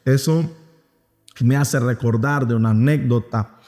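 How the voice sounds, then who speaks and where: A man's voice: mid-range voice, a little slow, darkish tone, soft background music. A man with a Venezuelan accent preaching a Sunday school sermon, telling a story and acting out its quotes, calling his listeners "mis amados". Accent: Venezuelan Spanish. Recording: long hall reverb.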